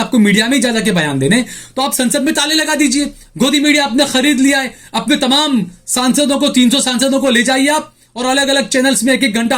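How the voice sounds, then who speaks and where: A man's voice: very high-pitched, a bit bright. A man hosting political opinion commentary, sarcastic and indignant as he talks to viewers.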